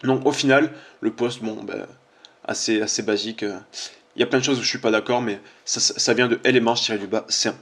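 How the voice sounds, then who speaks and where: A man's voice: medium pitch, steady tone, brisk, fairly bright tone. A man, a fitness coach giving casual, chatty commentary on social media posts, informal and full of fillers.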